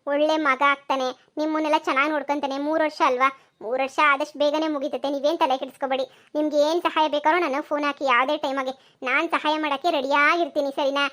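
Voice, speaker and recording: A woman's voice: sits high, steady tone, quick pace, a bit bright. A woman voicing a kind forgiving young woman. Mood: soothing. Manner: soothing, reassuring. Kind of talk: cartoon voice acting.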